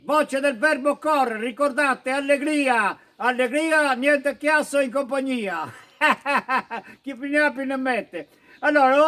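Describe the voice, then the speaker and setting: A man's voice: very high-pitched, fairly bright tone. A man playing a cheerful boastful small-town man, who chuckles as he talks.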